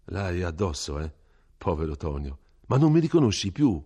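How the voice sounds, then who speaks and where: An earnest young peasant , read by a husky-voiced man, speaks with urgent concern in a lively, fairly low voice. The reading is a storybook telling. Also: normal speed, full character voice.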